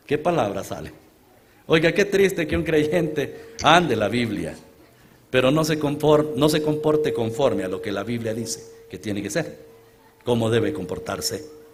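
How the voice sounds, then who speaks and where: A man from Honduras with a Honduran Spanish accent, preaching as a guest at a church conference. He moves between loud exclamations and low, quiet asides. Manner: earnest storytelling sermon, often addressing listeners as brothers. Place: church conference gathering before a large congregation.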